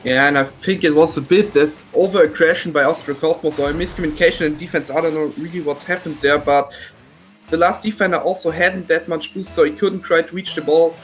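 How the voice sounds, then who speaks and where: A man giving color commentary on a live esports match, analysing plays in a halting way. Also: fairly high pitch, fairly even intonation, fairly bright tone, poor audio. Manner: halting, analytical, many fillers and restarts.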